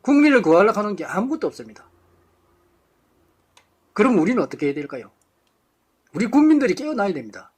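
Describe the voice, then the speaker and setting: High, lively-voiced man lecturing passionately. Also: fast, long pauses, breathy edge. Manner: impassioned, rhetorical questions, blunt insults. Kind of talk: political lecture to a live audience.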